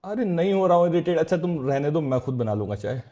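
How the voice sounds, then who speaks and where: A man's voice: on the high side, expressive, quick pace, very noisy. Husband role for a comedy sketch: a man, defensive, bickering. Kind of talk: scripted comedy skit.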